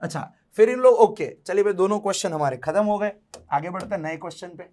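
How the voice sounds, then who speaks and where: Young guy tutor with a fairly high voice, chatty and jokey, drags out the questions when he reads them. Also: darkish tone. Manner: chatty, jokey, slows down to read English questions aloud. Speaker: exam coaching teacher. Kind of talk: casual explanatory lesson.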